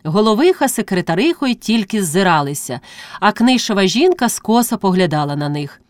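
A woman narrating classic prose as an audiobook reading, with expressive storytelling. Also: mid-range voice, fairly quick, no room sound.

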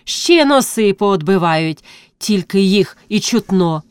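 A woman voicing a lively, teasing young priest's wife in an audiobook reading, with a chirping manner. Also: medium pitch, slow pace, clear, resonant tone, no room sound, clean studio sound. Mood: sly, hushed.

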